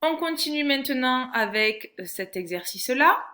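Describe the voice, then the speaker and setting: A woman teacher giving a patient, clearly articulated reading lesson to a young child. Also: high voice, animated, moderate pace, bright, forceful tone, slight background noise.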